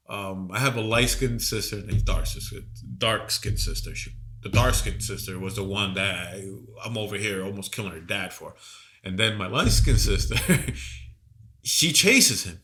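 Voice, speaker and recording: A man with a cold co-hosts a casual podcast, spinning a profane, rambling story. His voice is bright and ringing. His pitch jumps around a lot as he talks. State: sick with a cold. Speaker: podcast co-host.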